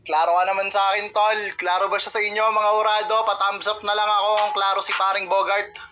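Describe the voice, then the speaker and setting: A man hosting an online insult battle, hyping it up with shoutouts and countdowns. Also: sits high, level tone, brisk, soft background music. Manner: hyped, gives shoutouts and countdowns. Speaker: battle host. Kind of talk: hype emcee on an online live battle.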